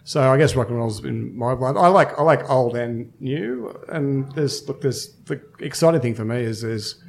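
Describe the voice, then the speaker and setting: A man's voice: mid-range voice, normal speed, vocal fry. Man of fifty chatting loosely. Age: 50s. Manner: relaxed, thinks aloud with many fillers. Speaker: brewery co-founder guest. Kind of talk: casual interview chat.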